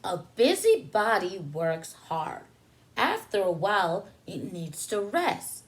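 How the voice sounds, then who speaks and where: A preschool teacher reads a picture book aloud to a group of young children, stopping now and then to explain things simply and ask them questions. Her voice sits at a medium pitch and has a sing-song lilt.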